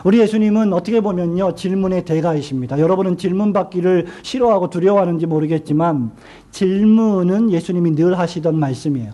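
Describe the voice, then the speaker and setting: High, mellow-voiced male preacher. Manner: asks the congregation questions and has them repeat lines; slows down and drops his voice when quoting Jesus. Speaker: pastor. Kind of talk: sermon.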